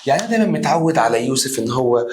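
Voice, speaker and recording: A young man with an Egyptian Arabic accent giving an exam review lesson, lively and repetitive, drilling students to chant key terms back to him. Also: mid-range voice, rapid-fire, noisy background. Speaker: English teacher.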